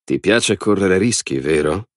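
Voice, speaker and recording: A man voicing a hard, calm male soldier who talks low and measured. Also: dry recording, clean studio sound. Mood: cold.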